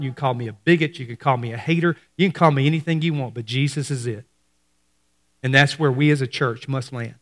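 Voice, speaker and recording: A man's voice: medium pitch, in a large hall. A man preaching a sermon as pastor, talking conversationally to his congregation and dropping his voice for emphasis. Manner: conversational preaching, acts out quoted voices, drops to hushed emphasis.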